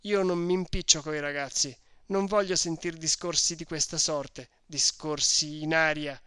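A man's voice: on the high side, measured pace, sharp tone, dry recording, clean studio sound. A man voicing a pompous, evasive middle-aged lawyer who lectures and blusters in a storybook reading. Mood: blustering.

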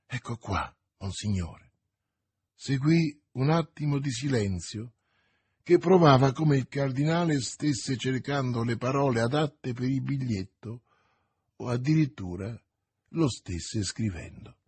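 A male narrator reading a classic novel at a slow, deliberate pace. His voice is husky, and the recording is dry and close. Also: medium pitch, a little mellow, no echo. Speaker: audiobook narrator.

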